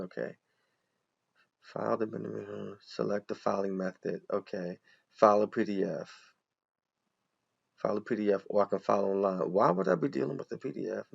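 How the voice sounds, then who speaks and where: A man's voice: on the low side, creaky, a little mellow, breathy edge, muffled recording. A man in his forties, an accountant, chatting casually as he thinks aloud through a walkthrough and talks to viewers directly.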